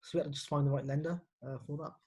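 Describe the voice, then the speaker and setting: Husky, somewhat high-voiced broker guy, explains lending matter-of-factly in a live Q&A. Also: fairly even intonation, a little mellow. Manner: explanatory, matter-of-fact, quick. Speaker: mortgage broker guest. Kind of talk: casual live Q&A chat.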